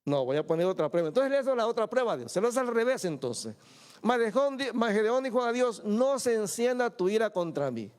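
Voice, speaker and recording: A man preaches a sermon to his church, his voice sitting high for a man. He speaks straight to his listeners, calling them brother, and acts out the lines he quotes. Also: very animated, fairly quick, a little mellow, smooth. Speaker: pastor. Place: church in Montreal.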